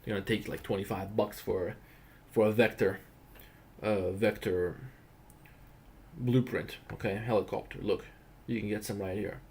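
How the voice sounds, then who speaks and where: A young Croatian man hosts a casual livestream, telling stories in a blunt, profane, animated way. His voice is lowish and gravelly, at a moderate pace with frequent pauses.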